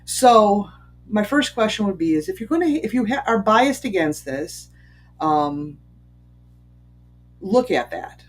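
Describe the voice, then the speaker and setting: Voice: mid-range voice, very animated, slow pace, long pauses, soft background music. Rhetorical, conversational commentator with many ums. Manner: frequent ums and restarted phrases. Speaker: commentator on bias. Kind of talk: unscripted spoken commentary. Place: Chicago area.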